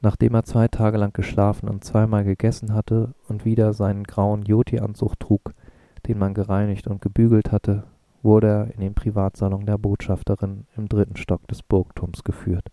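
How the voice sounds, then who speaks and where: Deep, dark-voiced male audiobook narrator. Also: level tone, moderate pace, no room sound.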